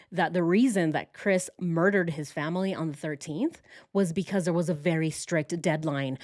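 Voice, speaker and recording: A woman's voice: fairly low pitch, no room sound. Woman livestreaming true-crime commentary, dry close sound. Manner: rhetorical questions with tag "right?". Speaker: livestream host.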